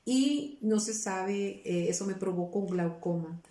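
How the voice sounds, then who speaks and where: A woman in her forties tells her testimony as a pastor in an interview, earnest and searching for words with many restarts. Her voice is warm and mellow. She sounds like she is in an echoey room. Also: mid-range voice, a little slow. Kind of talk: personal testimony in a casual interview.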